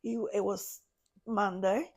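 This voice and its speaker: A woman, a podcast guest, recounting a personal story in a halting way, searching for words. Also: medium pitch, level tone, husky. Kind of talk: personal story told in an interview.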